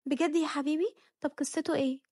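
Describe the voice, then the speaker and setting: Brief: woman playing a sassy spoiled egyptian girl-wife, very fast and high, dry close mic, audio novel. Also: fairly even intonation, a little mellow, no room sound. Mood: coaxing. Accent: Egyptian Arabic. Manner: sassy, playful, bratty. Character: spoiled cheeky young wife.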